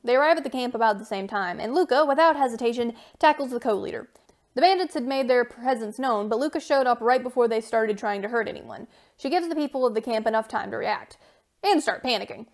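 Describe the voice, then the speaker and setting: Brisk, fast woman narrator. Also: fairly high pitch. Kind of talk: scripted story narration.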